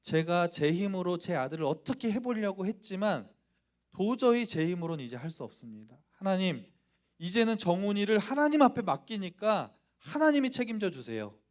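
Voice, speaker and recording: A man's voice: very animated, a little slow. A man playing a stern, devout mother. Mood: pleading prayer. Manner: low scolding voice, then hushed surrendering prayer. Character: stern, devout middle-aged mother, scolding then praying.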